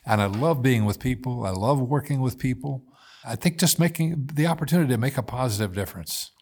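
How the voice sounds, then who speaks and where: A man in his eighties, a former mayor, talking in a measured, thoughtful way with frequent pauses as an interview guest. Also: medium pitch, darkish tone, husky. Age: 80s. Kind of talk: casual interview talk.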